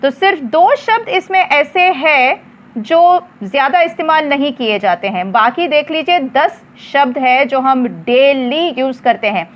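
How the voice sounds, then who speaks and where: A woman teaching English words in a slow lesson, spelling them out letter by letter and repeating each one. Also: high-pitched, lively intonation.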